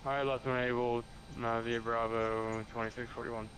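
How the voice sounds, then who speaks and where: Man, pilot over the radio, clipped readback, flat delivery, distant radio audio, engine hum behind. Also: mid-range voice, normal speed. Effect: pilot heard over the radio. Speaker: airline pilot on frequency.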